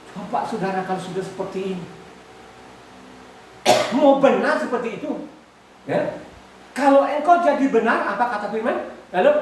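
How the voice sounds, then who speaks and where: A woman's voice: a little high, slight background noise. A woman preaching a sermon, exhorting her listeners, asking them questions and repeating her words. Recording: echoey room, far from the mic.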